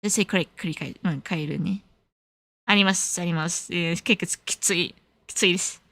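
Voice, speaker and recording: A woman's voice: lowish voice, moderate pace, bright, forceful tone, dry recording. A young woman from California, chatting casually as a stream host, switching between Japanese and English and laughing often. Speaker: livestream host. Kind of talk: casual chat answering viewers.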